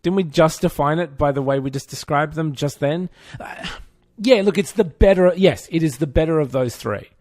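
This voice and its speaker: Co-hosting a podcast, a man chats casually about pop culture in an opinionated, geeky, self-mocking way. His voice is on the high side and a little mellow, at a moderate pace, recorded in studio quality with no room sound.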